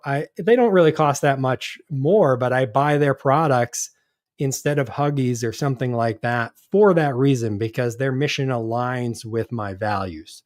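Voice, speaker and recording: A podcast host with a mid-range male voice runs a casual live-stream chat, recorded dry with clean studio sound. He sounds hesitant, often restarting his sentences as he chats and reads news items aloud.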